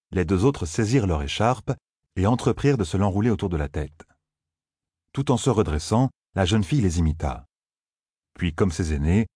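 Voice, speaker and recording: A man narrating an audiobook in a steady, measured reading voice. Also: deep voice, slightly rough, no room sound, studio quality.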